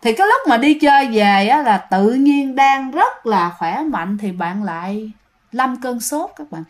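Woman narrator, slightly high voice, casual ghost-story telling, talks straight to listeners. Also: expressive, a little slow. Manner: chatty, addresses listeners directly.

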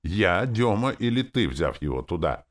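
A man's voice: low-pitched, big pitch swings, moderate pace, voice pushed up. A man reading an audiobook, voicing an emotional teenage girl who pleads and accuses sharply. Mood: angry. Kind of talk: audiobook character voice.

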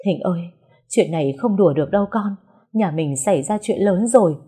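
A woman's voice: on the low side, lively intonation, fairly quick, warm tone, breathy edge. A woman voicing a frightened, superstitious old mistress of a rich household. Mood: alarmed. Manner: panicky, superstitious.

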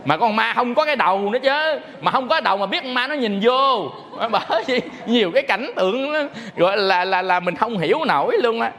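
Man, Buddhist monk, high voice, animated storytelling sermon, long reverb. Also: fairly quick, hardly any pauses. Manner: animated storyteller acting out phone calls.

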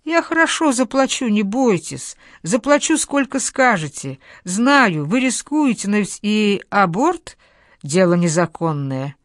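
A woman reading an audiobook, voicing a sick, feverish man who hoarsely and desperately begs a doctor for help. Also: mid-range voice, sing-song, unhurried, dry recording, clean studio sound. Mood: pleading. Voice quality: hoarse, strained. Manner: pleading, agitated. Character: feverish sick male gambler, desperate and stubborn. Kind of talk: audiobook character voice.

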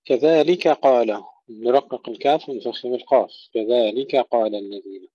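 A man's voice: mid-range voice, moderate pace, dark tone, dry recording, lo-fi sound. A man teaching Quran recitation rules, explaining precisely and repeating words to show correct pronunciation. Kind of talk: tajweed lesson explanation.

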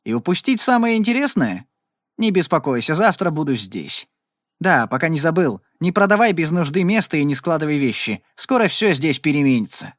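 A man doing a cool, calm gunslinger. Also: a little high, moderate pace, no room sound, studio quality. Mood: amused. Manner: calm, even, unboastful. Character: cool, fearless young male gunman.

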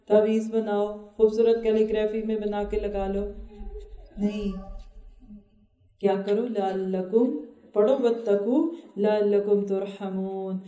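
A woman's voice: mid-range voice, mellow, roomy sound. Earnest woman giving a Quran lecture. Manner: earnest, asks the audience questions. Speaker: Quran teacher. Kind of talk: religious lecture, Quran commentary.

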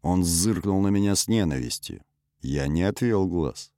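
Deep-voiced man narrating a story. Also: animated, moderate pace, dark tone, dry recording, clean studio sound. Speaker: audiobook narrator. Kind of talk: first-person scripted narration.

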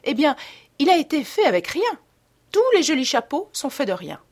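A woman's voice: sits high, very animated, moderate pace, pitched above the performer's own voice. A woman voicing a witty, teasing aristocratic duchess in an audiobook, with an arch, playful manner. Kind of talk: audiobook character reading.

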